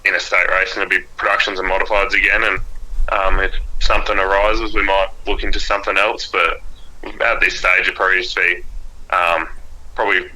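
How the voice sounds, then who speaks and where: A man's voice: low voice, little pitch movement, brisk, pushed and bright, low-quality recording. An Australian man chatting casually as a guest on a podcast, in a laid-back, hesitant, plain-spoken way. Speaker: guest, race driver and car graphics designer. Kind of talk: casual podcast interview chat.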